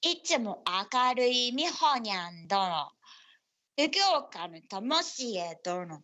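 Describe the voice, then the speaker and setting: A woman acts out an eager, polite ninja retainer co-hosting a radio show. The voice is high and bright, swinging widely in pitch, with deferential old-fashioned samurai-era phrasing. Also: big pitch swings, slow, highs cut off, heavily acted. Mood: bright, presenting.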